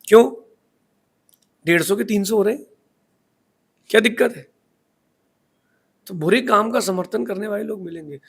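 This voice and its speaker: A man's voice: sits high, moderate pace, creaky, long pauses, a bit bright, husky. A man giving a sermon in a preachy storytelling manner, asking rhetorical questions as a spiritual teacher.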